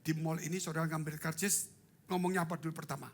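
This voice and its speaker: A male pastor preaching a live church sermon, swinging from loud cries to hushed asides and putting questions to the congregation. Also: a little high, steady tone, fast talker. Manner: humorous, asks the congregation questions. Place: church sanctuary.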